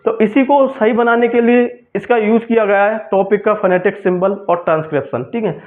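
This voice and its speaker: Man with teaching exam class, keeps repeating stuff, mixes in english words, high voice, sounds like a phone. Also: fairly even intonation, a little fast. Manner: repetitive, asks and answers own questions; mixes English terms into Hindi. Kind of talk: exam-prep class lecture. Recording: tinny phone-like lo-fi audio.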